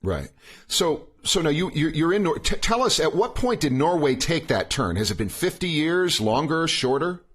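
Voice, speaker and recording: A man's voice: a little high, big pitch swings, normal speed, a bit bright, slightly rough. A man hosting a podcast, who reads the guest's introduction and then asks rambling, hedging questions. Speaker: podcast host. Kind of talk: casual interview questions.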